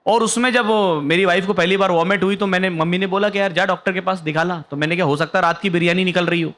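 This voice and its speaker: A man's voice: high voice, steady tone, fast. A young man performing a stand-up comedy set on stage, telling a story and acting out the other people in it. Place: stage before a live audience.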